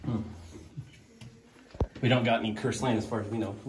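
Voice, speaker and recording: A man's voice: medium pitch, slow pace. Man guiding a tour with cave echo. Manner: chatty, relaxed ghost-story telling. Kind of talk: guided tour storytelling. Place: inside a cavern. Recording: echoey cavern, heard from a distance, faint hiss.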